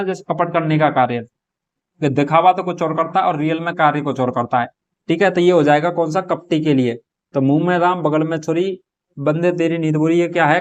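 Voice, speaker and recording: A man teaching an exam-prep lesson, who explains each answer step by step and asks and answers his own questions. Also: on the high side. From Rajasthan. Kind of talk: exam prep lesson, solving a model paper.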